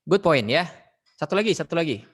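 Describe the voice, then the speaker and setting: A man with an Indonesian accent leads an online leadership lesson for students. He talks in a lively way, asking questions, calling on students and dropping English phrases into his explanations. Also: fairly high pitch, a little fast, breathy edge. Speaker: teacher leading a leadership training session. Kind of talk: online class lecture.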